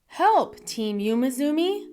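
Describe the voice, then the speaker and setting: A woman's voice: high-pitched, sing-song, takes it slowly, darkish tone, exaggerated voice. A woman voicing an earnest old Santa in trouble, in a children's storybook read-aloud. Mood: pleading, urgent.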